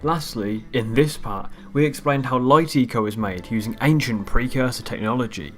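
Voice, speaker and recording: A man's voice: mid-range voice, moderate pace, a bit bright, soft background music. A man hosting his own video channel, walking through a game theory recap in an offhand, rambling way that trails off. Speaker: YouTube channel host. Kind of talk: casual narrated video outro.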